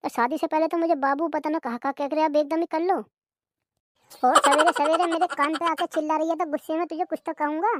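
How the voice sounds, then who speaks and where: A woman voicing a nagging, sharp-tongued young wife in a cartoon comedy, scolding and complaining loudly. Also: high voice, steady tone, fairly quick, natural voice. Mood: indignant.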